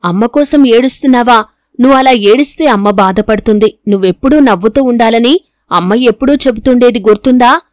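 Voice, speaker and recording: A woman voicing a widowed father who talks in a brisk, placating way. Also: fairly high pitch, no echo, studio quality, lightly acted. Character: widowed father, hurried and uneasy.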